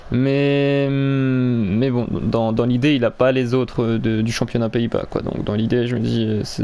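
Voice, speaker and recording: A man's voice: mid-range voice, gravelly, darkish tone, slight background noise. A young man chatting casually while playing a video game, rambling, stumbling over his words and swearing now and then. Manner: crude slang and swearing. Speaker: gaming video creator.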